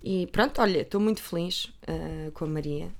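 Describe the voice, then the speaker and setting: A woman's voice: on the low side, normal speed, creaky. A woman with a European Portuguese accent, chatting casually about gossip magazines, rambling and sometimes dropping to a whisper.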